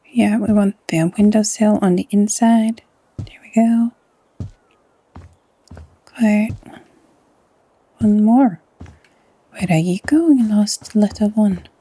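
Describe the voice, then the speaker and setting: Soft-spoken Norwegian woman gaming. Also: medium pitch. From Norway. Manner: chatty, often drops to a soft half-whisper. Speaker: gaming channel host. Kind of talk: casual let's-play commentary.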